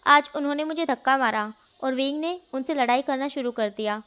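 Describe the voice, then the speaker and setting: A woman voicing a stern, calm young man. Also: high voice, a little fast. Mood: firm. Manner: firm, scolding.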